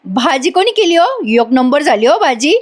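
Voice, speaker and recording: A woman voicing a brash, talkative young village woman with a loud, cheeky manner. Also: high-pitched, very animated, moderate pace. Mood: chatty.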